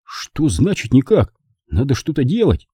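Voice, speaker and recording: A man playing a frightened young man, raised in pitch, begging and shouting in despair. His voice leaps widely with a slightly husky edge. The recording is dry and close. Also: wildly swooping pitch, measured pace, no room sound, exaggerated voice. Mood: tense. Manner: pleading, agitated.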